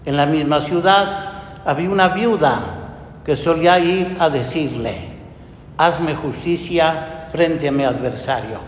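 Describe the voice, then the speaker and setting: A male priest preaches slowly and earnestly, posing rhetorical questions in a homily following a Gospel reading. The church hall echoes, and a low rumble sits underneath.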